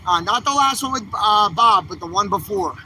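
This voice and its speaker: A man pours out a fiery, repetitive rant into a handheld phone on a city street. His voice is high and piercingly bright, and faint traffic hum sits behind him. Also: expressive, normal speed, poor audio. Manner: fiery, repetitive, angry exhortation. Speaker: livestreamer filming a street protest. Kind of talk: impassioned livestream rant. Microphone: handheld phone camera.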